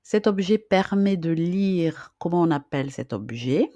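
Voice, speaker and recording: A reading teacher talks very slowly and deliberately, spelling out syllables and repeating each question for beginners. The voice is dry and close, with no room sound around it, and the delivery stays patient and methodical. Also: medium pitch, expressive, warm tone, dry recording, highs cut off. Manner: casual fillers between explanations.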